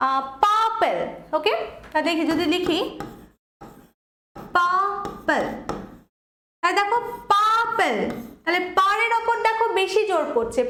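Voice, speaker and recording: A woman's voice: extremely high pitch, a bit bright, echoey room. A woman teaching an online English lesson, patiently repeating points and checking that students follow.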